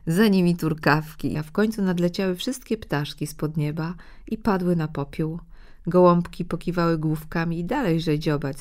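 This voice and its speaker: Low-voiced woman reading a fairy tale. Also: darkish tone. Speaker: narrator.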